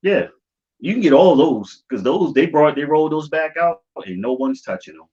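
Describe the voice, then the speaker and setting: A man's voice: fairly high pitch, expressive, normal speed, dark tone, slightly rough. An American man chatting casually and informally in slang as the host of a livestream. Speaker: livestream host of a YouTube channel. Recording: dull, lo-fi stream audio.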